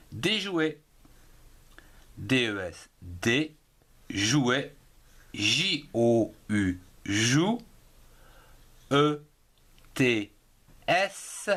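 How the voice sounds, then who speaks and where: A middle-aged man teaching a spelling lesson, slowly spelling out words letter by letter and counting syllables. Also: medium pitch, fairly bright tone. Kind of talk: dictation-style spelling lesson.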